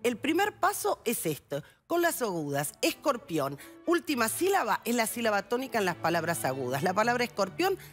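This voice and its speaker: Argentine woman, TV language columnist, higher voice, lively, patient explainer, faint music under. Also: moderate pace, hardly any pauses. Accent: Argentine Spanish. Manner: patient, teacherly, spells out rules. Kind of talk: explanatory TV segment.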